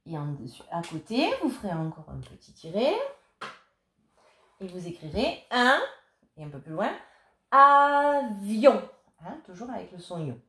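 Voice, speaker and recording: A woman teaching young children remotely, dictating words slowly and patiently. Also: on the low side, sing-song. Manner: slow, clear, patient dictation. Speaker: primary school teacher. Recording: echoey room.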